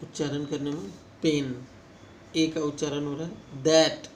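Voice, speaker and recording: A man's voice: fairly high pitch, level tone, unhurried. A man teaching shorthand vowels in a casual lesson, repeating each sound several times and addressing viewers as friends. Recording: echoey room with faint ambient noise.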